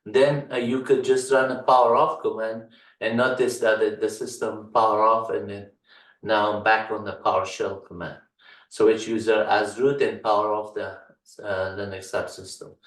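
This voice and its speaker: A native Dari speaker from Afghanistan, a channel host and tech instructor, narrates a casual screen-recorded computer tutorial. He speaks haltingly in a fairly low, flat voice, using many fillers and listing items slowly one by one, while a distant mic picks up roomy echo.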